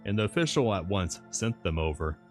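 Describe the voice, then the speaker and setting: A man reading a classic novel aloud as a streamer, in audiobook-style narration with measured, deliberate phrasing. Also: sits low, sing-song. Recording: music playing behind the voice. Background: background music.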